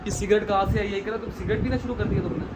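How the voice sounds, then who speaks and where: A young man, loudly accusing and scolding during a prank at home. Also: high voice, steady tone, racing, heavy background noise. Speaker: vlogger, husband in a prank. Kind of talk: prank vlog confrontation. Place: home bedroom, indoors.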